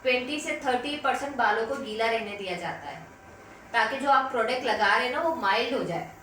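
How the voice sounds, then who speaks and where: Woman, hair instructor, fairly high voice, very echoey room, mic set back. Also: animated, brisk, pushed and bright. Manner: explains step by step, uses examples. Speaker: beauty instructor. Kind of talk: hair treatment tutorial. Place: salon. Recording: echoey room, mic at distance, faint noise.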